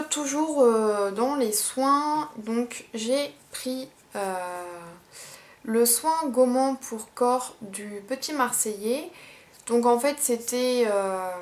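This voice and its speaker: A young woman chatting casually in a haul vlog, unhurried, with many fillers. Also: fairly high pitch, a little mellow. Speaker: beauty vlogger.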